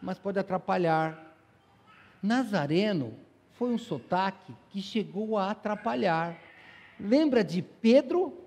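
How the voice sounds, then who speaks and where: A man's voice: sits high, expressive, slow pace, darkish tone, husky. A male pastor preaching a sermon in a church, firing rhetorical questions at the congregation. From São Paulo, Brazil. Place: church sanctuary. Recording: long church-hall reverb.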